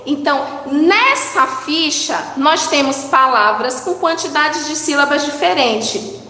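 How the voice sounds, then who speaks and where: Woman teacher, high voice, slow patient child-directed delivery, echoey room. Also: expressive, sharp tone. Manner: slow, drawn-out syllables, coaxing questions to children. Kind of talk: children's lesson, slow and sing-song. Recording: echoey room with long reverb.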